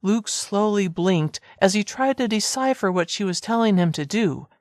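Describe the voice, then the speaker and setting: Audiobook narrator, even measured delivery, mid pitch, dry close sound. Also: female voice, no room sound. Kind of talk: scripted narration.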